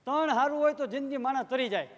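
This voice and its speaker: A Gujarati comedian with a strikingly high voice, spinning folk stories before a live crowd. He jumps between voices as he acts out each exchange, playful and lively. His voice rings with the long reverb of a big venue, heard through a stage microphone. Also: fast talker. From Gujarat, India. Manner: playful storytelling, acting out dialogue with shifting tones.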